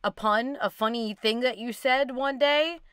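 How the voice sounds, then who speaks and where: A woman's voice: a little high, measured pace, fairly bright tone, smooth, no echo, studio quality. A woman co-hosting a casual livestream chat, talking informally with lots of "like" as she reads out audience questions. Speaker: co-host reading audience questions.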